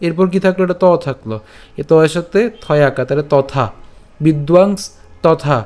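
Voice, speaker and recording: A man teaching scripture recitation over slides, breaking words into syllables slowly and patiently, often checking that listeners follow. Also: a little high, darkish tone. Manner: patient, repeats each syllable, checks understanding. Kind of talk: slow syllable-by-syllable pronunciation lesson.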